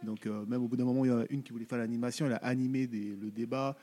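Mellow soft-spoken man hosting. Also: mid-range voice, steady tone, very fast. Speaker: podcast host. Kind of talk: casual podcast interview.

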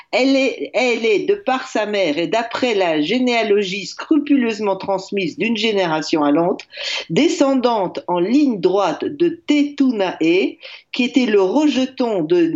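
A woman columnist telling a lively history chronicle on the radio, with frequent hesitations. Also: mid-range voice, lo-fi sound. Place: remote line from abroad.

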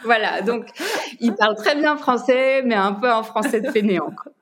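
A woman from France, a podcast guest and entrepreneur, chatting casually with many pauses and fillers, laughing now and then. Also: fairly high pitch, crowd noise. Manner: hesitant, many fillers and restarts, laughs often. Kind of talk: casual chat.

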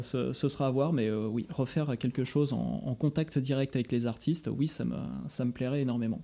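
A man from France chatting on a podcast, halting often with fillers and restarts. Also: mid-range voice, warm tone. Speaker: podcast host interviewed about his music shows. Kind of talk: casual podcast chat.

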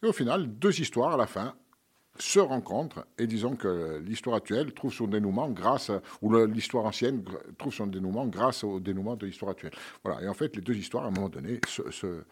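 A man's voice: fairly low pitch, expressive, brisk, slightly rough. A man answering questions as a guest on a radio show, hesitant, with many fillers and repeated words. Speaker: guest, charity volunteer.

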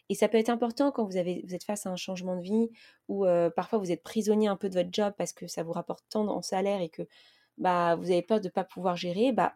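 Young woman, podcast host, mellow tone, chatty and filler-heavy delivery, home mic. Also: medium pitch. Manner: chatty, conversational, many fillers. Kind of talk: casual solo podcast chat. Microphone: raised mic, holding a baby.

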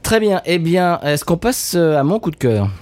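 A man's voice: a little high, sing-song, moderate pace, a little mellow, no echo. A man hosting a podcast, chatting casually to listeners with many hesitations and a playful tone. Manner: hesitant with frequent "euh", playful. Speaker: podcast host.

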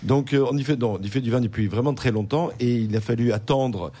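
A man's voice: medium pitch, brisk, dark tone. A man who is a sommelier and restaurant owner, explaining wines on a radio show with frequent hesitations and repeated words. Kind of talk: wine talk on radio.

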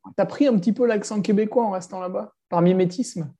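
Mellow-voiced podcast host. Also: male voice, high-pitched, fairly quick, lo-fi sound. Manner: chatty, friendly questions. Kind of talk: remote podcast interview.

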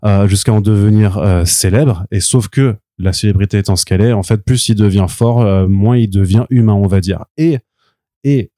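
A man's voice: lowish voice, normal speed, mellow, dry recording, clean studio sound. A man co-hosting a comics podcast, talking in a casual, hesitant way full of fillers and restarts, with a slight regional French accent. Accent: non-standard French accent. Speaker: podcast co-host. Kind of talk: casual chat reviewing comics.

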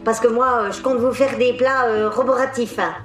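A woman's voice: fairly high pitch, steady tone, normal speed, recorded from a distance, lightly acted. A woman voicing a hearty female canteen cook who drawls and fills her talk with "euh" and "hein". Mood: cheery. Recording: roomy echo, voice from afar.

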